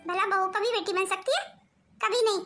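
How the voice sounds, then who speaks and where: Cartoon mother-in-law over sixty, sulky, sarcastic, squeaky high, glassy bright, a woman voicing her. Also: moderate pace, soft background music. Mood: scolding. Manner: taunting and sarcastic. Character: scolding old mother-in-law, sharp-tongued and sulky.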